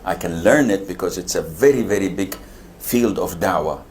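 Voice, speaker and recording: A man's voice: sits low, normal speed, darkish tone, slight background noise. An older man from Saudi Arabia, an Islamic preacher answering audience questions with humor, now and then acting out other people's voices. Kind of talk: lecture Q&A.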